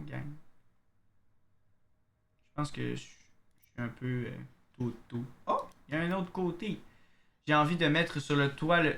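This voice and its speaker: A man's voice: mid-range voice, a bit bright, slight background noise. A man with a Québécois French accent streaming a game, reading in-game letters aloud and chatting casually with viewers. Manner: casual, chats to viewers, reads letters in a slow narrating way.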